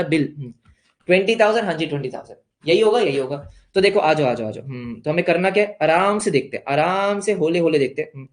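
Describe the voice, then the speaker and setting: A young man with an Indian accent teaching an accounts lesson, playfully asking questions and answering them himself as a student would. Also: on the high side. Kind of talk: online class lesson.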